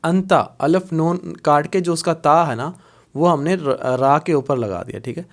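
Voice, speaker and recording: A man teaching Arabic phrases in a video lesson, patiently repeating each word slowly for learners. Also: a little high.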